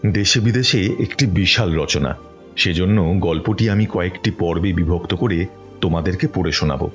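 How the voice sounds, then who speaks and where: A man reading a book aloud as an audiobook, in a measured, expressive storytelling manner. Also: deep voice, highs cut off, faint music behind.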